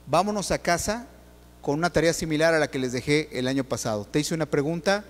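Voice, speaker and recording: A man delivers a sermon in a church, pressing the congregation with rhetorical questions. His voice sits a little high for a man, and a long hall reverb trails after each phrase. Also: a little fast. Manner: questions the audience directly, rhetorical and animated. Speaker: preacher.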